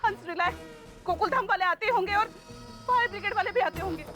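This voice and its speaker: A woman's voice: very high-pitched, fairly quick. A woman in a sitcom playing an anxious wife who reassures her trapped husband. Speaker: wife calling for help. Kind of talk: sitcom acting. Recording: music behind the voice.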